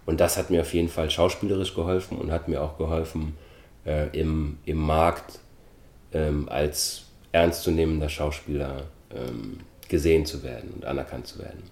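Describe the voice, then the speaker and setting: A middle-aged man from Austria, an actor speaking as an interview guest in a thoughtful, measured way with frequent hesitations. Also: a bass voice, little pitch movement, a little mellow, echoey room. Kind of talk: relaxed interview talk.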